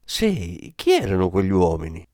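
A man's voice: deep voice, huge pitch swings, moderate pace, warm tone, no echo, studio quality. A man voicing a curious, thoughtful ten-year-old boy in an audiobook, asking earnest questions. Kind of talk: audiobook reading.

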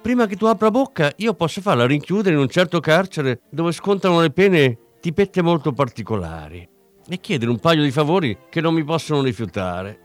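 A man's voice: fairly high pitch, very animated, moderate pace, soft background music, pitched above the performer's own voice. A man voicing an angry police officer who delivers cold, cutting threats. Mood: cold menace.

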